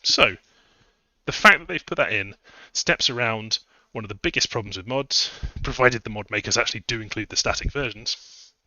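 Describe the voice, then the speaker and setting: A man's voice: fairly low pitch, bright, forceful tone, dry recording, dull audio. A man chatting casually on a live stream, rambling through his points with fillers, a little out of breath. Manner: rambling, conversational, many fillers and restarts. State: a bit out of breath. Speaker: streamer and game modder.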